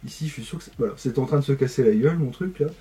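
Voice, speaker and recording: A man's voice: medium pitch, very fast, warm tone. A man hosting a casual video, chatting as he assembles a model. He rambles with many fillers and repeated words. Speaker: host.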